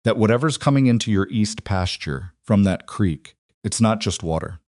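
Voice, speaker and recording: A man voicing a determined woman rancher in an audiobook, speaking calmly and precisely. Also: lowish voice, moderate pace, no echo, studio quality. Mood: steady. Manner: calm, precise, matter-of-fact. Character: determined woman rancher, quietly sure of herself. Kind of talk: audiobook narration.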